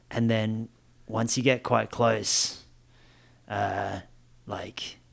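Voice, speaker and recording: A man with a low, gravelly voice plays a tabletop game with friends. He talks casually and eagerly, working out plans aloud. The fry in his voice stays throughout. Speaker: player.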